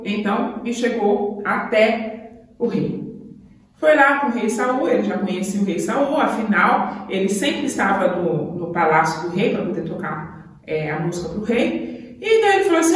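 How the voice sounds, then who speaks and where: A woman teaching children at church, telling a Bible story in an animated, chatty way with many fillers. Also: mid-range voice, unhurried. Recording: echoey room, voice far from the mic.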